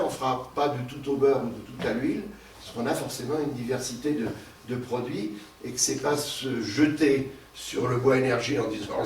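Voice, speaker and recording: A man moderating a round table, summing up a speaker's points in a halting way with many fillers and repeated words. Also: mid-range voice. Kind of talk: summarizing a panel discussion. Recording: roomy hall, distant mic, some noise.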